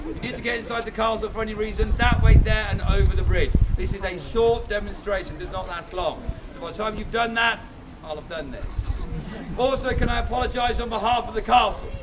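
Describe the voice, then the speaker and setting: A man's voice: high voice, a little fast, recorded from a distance. An Englishman presenting a live comic castle show outdoors, projecting theatrically without a microphone. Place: outdoors at a castle before a crowd. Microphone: no microphone, recorded from the audience. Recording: loud crowd and outdoor noise.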